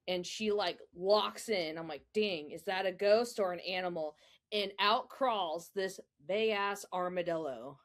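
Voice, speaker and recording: A woman's voice: mid-range voice, a bit bright. Young woman podcast co-host, chatty storyteller, casual filler-heavy delivery. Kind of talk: casual chat.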